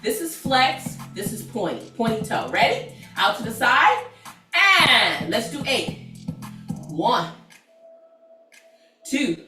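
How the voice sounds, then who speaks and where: A woman's voice: on the high side, sing-song, slow, long pauses, sharp tone. A woman aerobics instructor leading an exercise class, encouraging and chatty as she counts and cues each move. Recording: roomy, distant mic, music behind.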